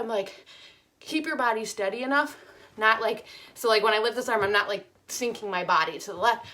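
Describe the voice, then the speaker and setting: A woman's voice: medium pitch, a bit bright. Young female fitness instructor, casual, filler-heavy, slightly winded mid-workout. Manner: chatty, many fillers, counts aloud while demonstrating. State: slightly out of breath while exercising. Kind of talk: casual exercise demonstration.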